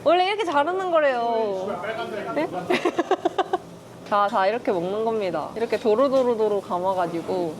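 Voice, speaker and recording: A woman food vlogger chatting playfully as she eats, full of quick exclamations. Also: fairly high pitch, lively intonation. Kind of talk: casual mukbang chat. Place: busy restaurant. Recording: restaurant crowd chatter behind. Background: diners chattering.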